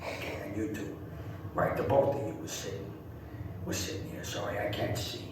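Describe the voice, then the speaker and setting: A folksy, bumbling police detective, played by a man stumbles through rambling questions in a halting, offhand way. The voice sits far from the microphone in a very echoey space, with steady noise in the background. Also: close to an everyday voice. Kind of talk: comic impression. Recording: distant echoey clip played in a room with noise.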